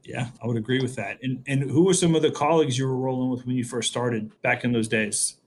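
A man hosting a casual interview, relaxed and asking questions with a few restarts. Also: medium pitch, a little fast, slight background noise. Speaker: interview host.

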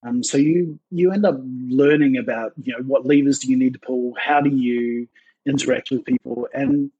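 A middle-aged man, talking in a relaxed and rambling way as a podcast guest. His voice has a husky edge, and the recording is close and dry, with no room sound. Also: mid-range voice, moderate pace, no echo, dull audio. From New Zealand. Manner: outgoing, talkative, rambling. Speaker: podcast guest, ministry worker. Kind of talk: casual interview chat.

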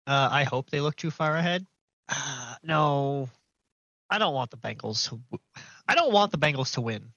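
A man's voice: medium pitch, expressive, normal speed, sharp tone, no room sound, highs cut off. A man co-hosting a sports podcast, blunt and profane in his ribbing. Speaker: podcast co-host. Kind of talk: casual sports chat.

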